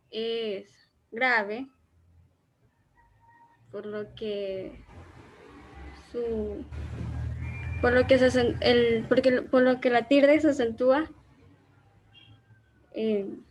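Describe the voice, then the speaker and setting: Slow, hesitant woman answering in class. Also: a little high, fairly even intonation, slight background noise, rough recording. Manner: hesitant, restarts while explaining. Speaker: student.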